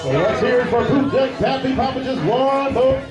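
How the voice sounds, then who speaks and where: A man's voice: extremely high pitch, moderate pace. A man hosting a live raffle, announcing to the crowd and repeating phrases as he hurries things along. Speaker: raffle host. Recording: echoey hall, distant mic, music and crowd.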